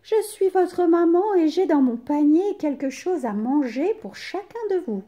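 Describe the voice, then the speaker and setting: A woman voicing a sly male wolf who fakes a sweet mother's voice, slow, drawn-out and coaxing in a storybook reading. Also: sits high, expressive, mellow, voice pushed up.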